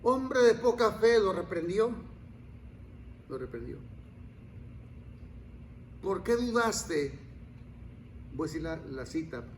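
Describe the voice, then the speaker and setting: A male pastor preaching a sermon, dropping to near-whispers and then rising to loud, pleading cries. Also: sits high, a little hiss or hum. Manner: swings from quiet murmurs to loud cries.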